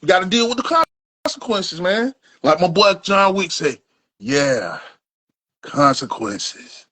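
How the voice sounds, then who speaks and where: A man co-hosting a casual barbershop-style sports podcast, his speaking voice sitting fairly high. He rambles and restarts his sentences, circling back to his points in easy chat. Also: animated, moderate pace, bright, forceful tone. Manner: loose, rambling, restarts and trails off. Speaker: podcast co-host.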